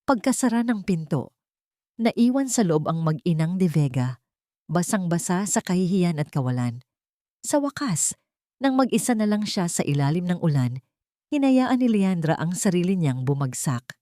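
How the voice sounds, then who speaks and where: A woman's voice: fairly low pitch, very animated, normal speed, warm tone, no room sound, studio quality. A woman storyteller reading a scripted drama story with dramatic, emphatic delivery.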